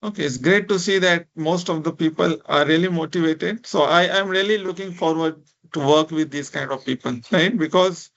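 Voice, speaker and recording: Here a man's highish voice, fairly bright and marked by vocal fry, moves at normal speed through lo-fi sound. He's a lecturer in speech technology from India, native in a minority Indian language, giving a friendly, interactive online lecture in accented English, peppered with "right?" and "you know."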